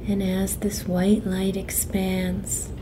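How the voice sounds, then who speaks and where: A woman guiding a relaxation meditation in a soft, breathy, soothing near-whisper, with long pauses between phrases. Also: medium pitch, completely flat delivery. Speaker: guided meditation guide. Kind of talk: guided relaxation meditation narration. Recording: clearly noisy, ambient sound behind.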